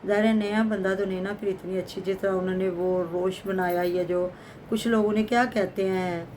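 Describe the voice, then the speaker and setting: A woman's voice: mid-range voice, steady tone, fairly quick, a little mellow, slight background noise. A middle-aged woman, chatting casually as a vlogger and giving prayers and blessings. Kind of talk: casual commentary chat.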